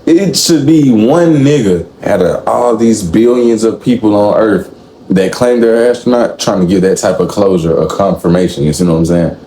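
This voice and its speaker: Young guy with a real low, mellow voice, blunt and swearing, echoey room. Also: normal speed. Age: 20s. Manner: blunt, profane, animated. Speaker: guest. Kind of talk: casual chat. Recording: echoey room, faint room noise.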